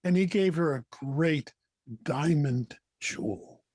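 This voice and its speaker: A man with an American accent, telling a folktale as a storyteller, deliberate, with dramatic pauses. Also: a little high, a little mellow, no room sound. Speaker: storyteller, co-host.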